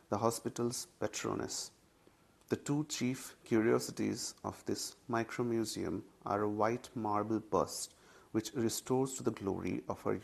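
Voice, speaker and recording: A man giving a literary memoir reading, measured and unhurried with careful phrasing. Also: on the low side, vocal fry, a little mellow. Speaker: audiobook reader.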